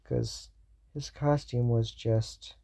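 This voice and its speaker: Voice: mid-range voice, steady tone, slow pace, creaky, mellow. A fan storyteller improvising a what-if story, rambling with many fillers and self-corrections.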